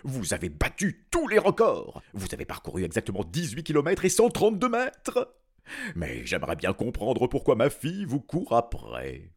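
A blustering, grumpy old king bellows his frustration in a children's storybook, as a man puts him on. The voice is loud and pushed up high when he shouts. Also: wildly swooping pitch, normal speed, breathy edge, heavily acted. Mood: pompous.

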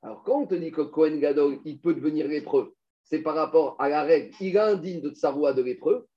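Male Talmud teacher, high mellow voice, questioning style, dull lo-fi recording. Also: a little fast. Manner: explains step by step, asks students questions. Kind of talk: Talmud class.

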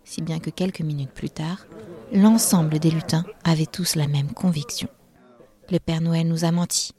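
Mellow woman reading a storybook. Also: low voice, normal speed. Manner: gentle, expressive. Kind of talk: storybook narration.

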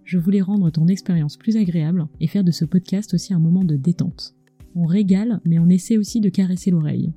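A woman's voice: fairly low pitch, fairly quick, mellow, dry recording, faint music behind. A woman narrates a scripted podcast as a storyteller, speaking intimately close to the microphone, right in the listener's ear. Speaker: podcast host, culinary storyteller. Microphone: close microphone with acoustic screen.

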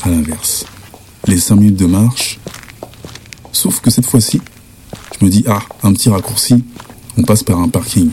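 A young man from France telling a spooky personal anecdote in lively, slangy casual speech. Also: fairly low pitch, measured pace, pauses often, a little hiss or hum. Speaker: storyteller.

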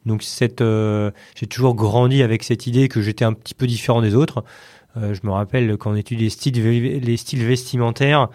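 A company chief executive in his late thirties, from the Paris region of France, answers a podcast interview in a Parisian French accent. His medium-pitched voice has a darkish tone and fairly even intonation. He speaks casually and hesitantly, with many word repetitions and filled pauses.

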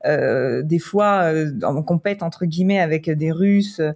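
A woman's voice: sits low, a little slow, a little mellow. A woman from France, a wedding photographer, chatting casually in a podcast interview with lots of fillers and laughter.

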